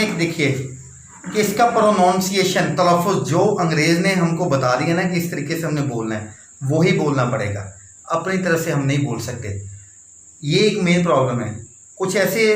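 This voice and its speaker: A man explaining English spelling and pronunciation to learners, spelling words out letter by letter and repeating his points. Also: on the high side. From Pakistan. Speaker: English teacher. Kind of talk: classroom-style explanation. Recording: echoey room, faint background noise.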